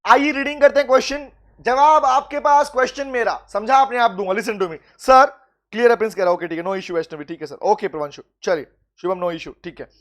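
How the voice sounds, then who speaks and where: A man's voice: high-pitched, fairly even intonation, fairly quick, fairly bright tone. A man, teaching law in a live online class, greeting students by name and reading practice questions aloud before explaining them.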